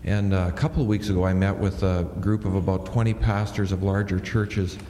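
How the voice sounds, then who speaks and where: A male senior minister reflects earnestly on a panel, restarting his thoughts as he works them out. His voice is fairly low and mellow. The sound carries a long hall echo with faint noise behind it. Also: little pitch movement, brisk. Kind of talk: panel discussion.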